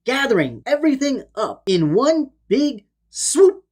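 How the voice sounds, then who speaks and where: A woman's high, a little mellow voice carries an unhurried, very animated reading of a children's storybook. As narrator, she delivers it in a dramatic, theatrical, expressive way.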